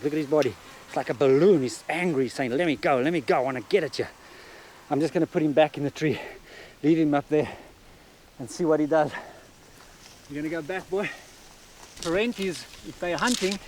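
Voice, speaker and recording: Male wildlife presenter, on location outdoors, fairly high voice, excitable hands-on delivery. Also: slight background noise. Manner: excited, animated while handling animals. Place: outdoors in arid desert.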